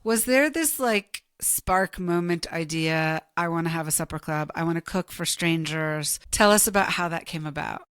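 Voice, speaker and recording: Low-voiced woman host, dry sound. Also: normal speed, few pauses, fairly bright tone, smooth, no echo. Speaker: podcast host. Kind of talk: interview questions.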